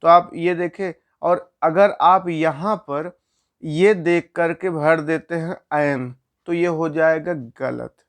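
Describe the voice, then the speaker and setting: A man's voice: a little high, steady tone, slow, clean tone. A man teaching a grammar lesson, explaining step by step and asking questions he answers himself.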